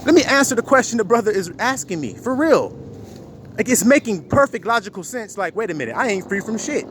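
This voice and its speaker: This high-pitched, very animated man rants as a self-proclaimed preacher, brisk and fairly bright in tone against a little hiss or hum. He is confrontational and profane, swearing heavily, citing scripture and throwing rhetorical questions at those listening.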